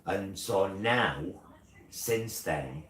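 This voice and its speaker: A man's voice: low-pitched, lively intonation, very slow, a bit bright. A British man chatting casually as host of a live stream, in the campy, theatrical, endearing manner of a drag queen. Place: indoor room, live make-up stream. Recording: roomy echo, clear background noise.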